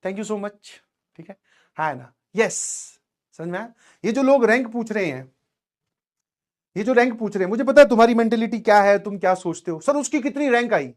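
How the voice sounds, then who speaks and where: A man in his thirties, a coaching teacher, telling students a story in an animated, direct classroom talk, often checking that they follow. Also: high-pitched, moderate pace, pauses often. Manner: animated storytelling, addresses students directly with frequent "samajh mein aaya?".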